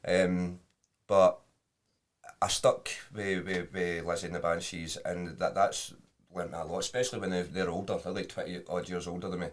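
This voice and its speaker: Deep-voiced Scottish man, rambling casually. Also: little pitch movement, normal speed. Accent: Scottish, West Lothian. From Scotland. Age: 30s. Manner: informal, rambling, often adds "you know". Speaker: podcast guest, drummer. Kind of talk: casual chat.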